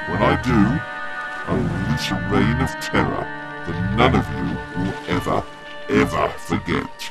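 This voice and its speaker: The Director, a low creaky gloating villain. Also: male voice, exaggerated voice, low-quality recording. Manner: theatrical, taunting, menacing. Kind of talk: audio drama villain acting. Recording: loud music under the voice.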